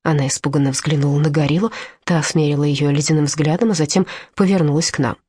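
Husky low-voiced woman reading a story. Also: quick pace, no echo, studio quality. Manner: expressive storytelling. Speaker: audiobook narrator. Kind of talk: audiobook reading, first person.

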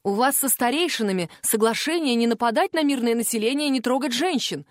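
A woman's voice: fairly high pitch, animated, a little fast, no room sound, close to an everyday voice. Brave young man, read by a woman, urgent insistent voice, dry sound. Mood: defiant. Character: brave young male villager defending a friend.

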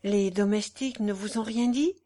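A woman's voice: medium pitch, normal speed, warm tone, lightly acted. Woman voicing an anxious young noblewoman, curt, tense, a bit hesitant, audiobook dialogue. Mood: urgent.

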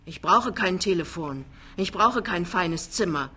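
A woman voicing a sullen, stern young man who speaks gruffly and curtly in an audiobook reading. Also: lowish voice, moderate pace, bright, forceful tone. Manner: gruff, curt.

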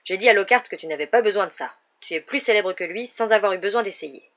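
A woman voicing a jovial male half-giant gamekeeper in a storybook reading, hearty and loud, with a dull lo-fi sound. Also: medium pitch, animated, quick pace, natural voice. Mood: teasing.

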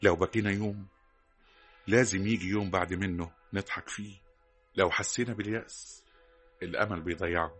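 Egyptian accent; an earnest, consoling doctor; low, bright, husky; old radio play. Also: male voice, steady tone, brisk, pauses often, faint music behind. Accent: Egyptian Arabic. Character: gentle, frank male doctor consoling a young woman. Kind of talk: vintage radio drama acting.

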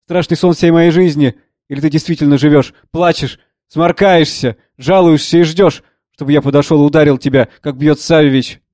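Man doing a tormented aging professor, declamatory, proud, fairly high voice, dry sound. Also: steady tone, moderate pace, a little mellow, no room sound, lightly acted. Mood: anguished. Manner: anguished, declamatory.

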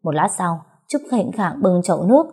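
A young woman narrating a story in a steady, expressive manner. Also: lowish voice, moderate pace, husky.

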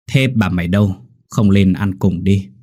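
A man puts on a cruel old landlord in a spoken ghost story, barking orders in a low, husky voice that shakes once fear takes hold. The tone stays dark and heavy. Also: moderate pace. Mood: demanding. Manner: barking orders, voice trembling when afraid. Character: cruel old male landlord, blustering then terrified.

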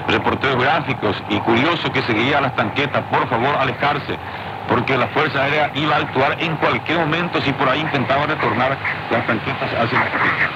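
Un locutor de radio con acento paraguayo, leyendo una cronología noticiosa de forma pausada y ordenada, escuchado por una onda corta que se desvanece. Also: male voice, medium pitch, highs cut off. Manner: measured, lists times and facts in order. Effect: fading, noisy shortwave radio reception. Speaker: radio news announcer. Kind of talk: reading a news chronology. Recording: hissy shortwave broadcast.

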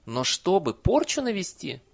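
A man reading an audiobook voices a chatty, shrewd old village witch woman in brisk, homely folk speech. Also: sits high, wildly swooping pitch, vocal fry, slightly rough, pitched above the performer's own voice, full character voice. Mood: frank.

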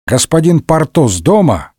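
A man's voice: fairly high pitch, big pitch swings, measured pace, breathy edge, no echo, studio quality, voice pushed up, heavily acted. A man voicing a hot-tempered, sarcastic middle-aged swordsman in a comic audiobook, barking insults and mocking his friend. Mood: irritated, scolding. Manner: brusque, mocking, shouting insults.

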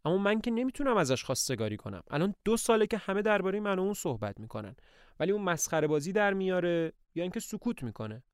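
A man's voice: high voice, very animated, smooth, no room sound, clean studio sound, voice pushed up. A man reading aloud voices an earnest, tense young woman who runs the household.

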